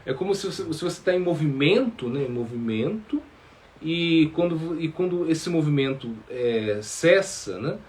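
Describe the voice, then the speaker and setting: A male spiritual teacher, answering questions in a halting sermon full of fillers and repeated words. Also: a little high, expressive, darkish tone.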